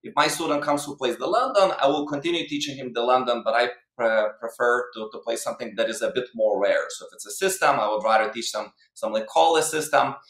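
A man's voice: medium pitch, fast, few pauses, fairly bright tone, roomy sound, poor audio. A man in his thirties from Lithuania, giving explanatory interview answers as a guest coach over a video call. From Lithuania or former Soviet region. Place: plain room indoors. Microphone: video call, webcam distance.

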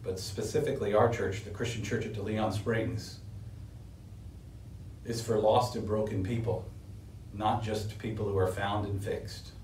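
A middle-aged pastor at a lectern preaches with a steady, slightly mellow tone, a little slowly and with frequent pauses, building pitch and force on key points. The small indoor room gives a roomy echo, he's recorded from a distance, and there's slight background noise.

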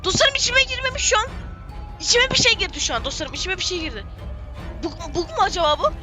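A young gaming streamer, giving frantic, excited commentary in a squeaky, shrill voice and repeating phrases over and over. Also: fast, over music.

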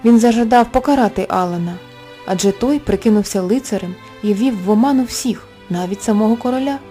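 A woman narrating a bedtime fairy tale in a gentle, expressive storytelling manner. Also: on the high side, a little fast. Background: soft background music.

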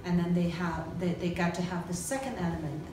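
A middle-aged woman, an English speaker from China, answering an interview slowly and with many fillers. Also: fairly low pitch, noisy background. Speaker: legal affairs expert, interviewee. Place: living room at home. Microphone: far camera. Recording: echoey room from far off.

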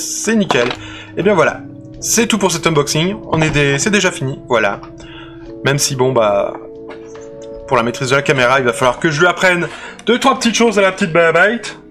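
A man's voice: fairly high pitch, animated, brisk, fairly bright tone, faint music behind. A man hosting a casual unboxing video, chatty and playful, often restarting his sentences. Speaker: unboxing channel host.

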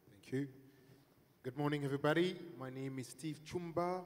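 A man's voice: a little high, normal speed. Man from Cameroon on a panel. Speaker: panelist, hub director. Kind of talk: self-introduction on a panel. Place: large conference hall. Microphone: handheld mic. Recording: long hall reverb.

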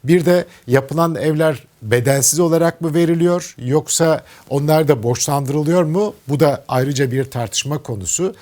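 A man's voice: fairly high pitch, moderate pace, hardly any pauses, a little mellow. A man with a Turkish accent interviewing a guest, asking earnest, probing questions about politics.

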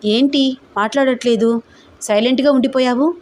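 A woman's voice: high voice, fairly even intonation, moderate pace, darkish tone, close to an everyday voice. Woman reading a caring young girlfriend. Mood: affectionate. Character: young woman college student, affectionate, caring. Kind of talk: audio story reading.

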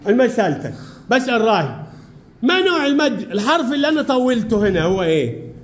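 A man's voice: extremely high pitch, sing-song, quick pace. A man teaching a primary school lesson in a classroom, firing questions, calling pupils by name and repeating their answers.

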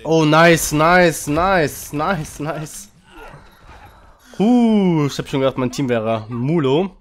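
Fairly high-voiced german guy yelling at his game, slow drawn-out talk, hyped and frustrated. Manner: frantic, urging teammates, swearing at enemies. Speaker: gaming channel host. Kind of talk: excited live game commentary.

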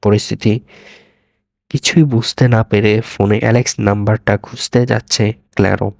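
A man reads a scripted horror story in a measured, dramatic way. His voice is on the low side, and the recording is dry and close with no echo. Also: level tone, creaky, darkish tone.

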